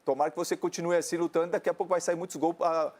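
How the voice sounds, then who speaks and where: Slightly high-voiced Brazilian male football pundit. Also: little pitch movement, very fast, a little mellow. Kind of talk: casual sports debate.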